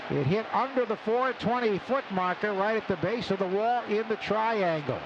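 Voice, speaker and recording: A man whose voice sits high calls a baseball game for live radio in short, clipped phrases at normal speed. The broadcast comes from a noisy outdoor ballpark with steady background noise, and the sound is lo-fi.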